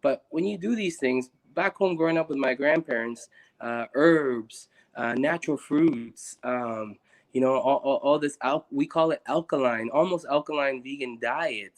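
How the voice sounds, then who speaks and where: A man's voice: mid-range voice, a little slow. A young man from Guatemala talking earnestly and reflectively as a guest, with many restarts. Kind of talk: casual conversation on a live stream.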